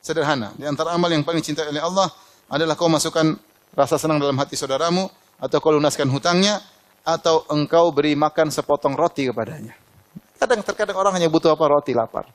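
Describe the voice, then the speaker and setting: Storytelling Indonesian preacher, fairly high voice. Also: male voice, fast. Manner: storytelling with laughs and Arabic quotes. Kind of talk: Islamic lecture.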